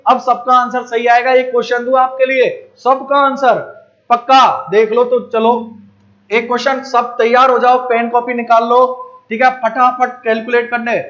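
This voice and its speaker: A man with a strikingly high voice and a Rajasthani lilt runs a live math class, coaxing his students along. He keeps checking whether everyone has understood. The stream audio is dull and lo-fi. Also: flat delivery, moderate pace, a bit bright. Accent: Rajasthani Hindi. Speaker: math teacher.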